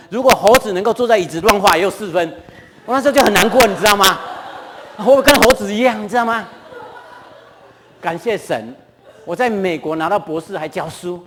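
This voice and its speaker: A middle-aged man with a Taiwanese Mandarin accent, giving a lively storytelling talk at a church and often asking the audience questions. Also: high-pitched, noisy background. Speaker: guest lecturer at a church. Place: church hall. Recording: reverberant church hall.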